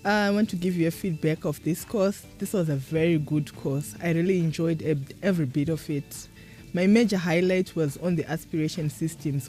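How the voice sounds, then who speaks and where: A speaker gives a formal testimonial about a course in a measured, deliberate way. The voice is warm and mid-pitched, and soft music sits under it. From Zimbabwe. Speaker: course participant. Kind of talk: interview testimonial.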